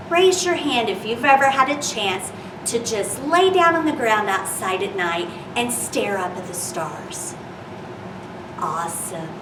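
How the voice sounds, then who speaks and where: A woman reading a picture book aloud to young children as a storytime host, expressive and deliberate, stretching key words. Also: fairly high pitch. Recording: roomy, distant microphone, clear background noise.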